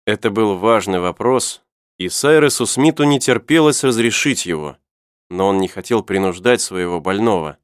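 A man narrating an adventure novel as an audiobook in an even, clear storytelling manner. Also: lowish voice, normal speed, dry recording, clean studio sound.

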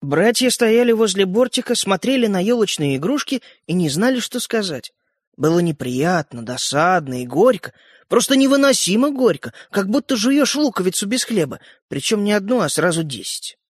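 A man narrating a children's storybook in an expressive, animated way. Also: high-pitched, normal speed, no room sound, clean studio sound.

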